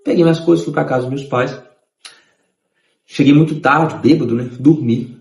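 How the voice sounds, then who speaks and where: A man, telling his conversion testimony in an animated way and acting out the voices of others. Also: a little high, moderate pace, vocal fry, reverberant. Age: 30s.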